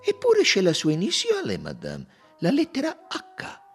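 A man's voice: high voice, wildly swooping pitch, a little slow, husky, soft background music, pitched above the performer's own voice, full character voice. A man voicing a shrewd middle-aged detective who presses his questions with pointed insistence. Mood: probing.

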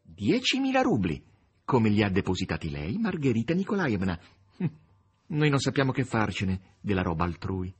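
A man voicing a sly, fussy demon servant with a theatrical manner and a husky voice. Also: lowish voice, huge pitch swings, normal speed, exaggerated voice.

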